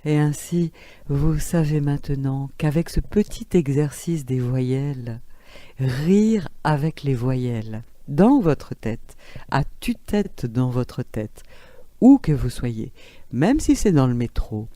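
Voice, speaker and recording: Slow, mellow-voiced woman coaching. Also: rumbling low, expressive, no room sound. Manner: gentle coaching, laughs often, encouraging. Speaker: therapist leading a workshop. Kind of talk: guided laughter and vowel exercise.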